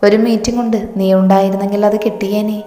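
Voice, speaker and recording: A man's voice: high voice, little pitch movement, fast, mellow, faint music behind, lightly acted. A woman doing a teasing older uncle. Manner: teasing, fatherly. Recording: echoey room with long reverb.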